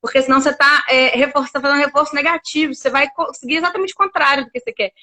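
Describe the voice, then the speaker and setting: A woman's voice: high-pitched, steady tone, very fast, pushed and bright. A woman hosting a casual conversation, talking to the audience directly with a chatty manner.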